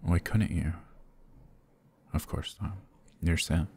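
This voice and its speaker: The character here is a protective, courteous vampire lord with a brooding nature, played heavily acted by a man in an intimate ASMR roleplay. His low voice stays steady, husky and halting, gently formal with a sympathetic feel.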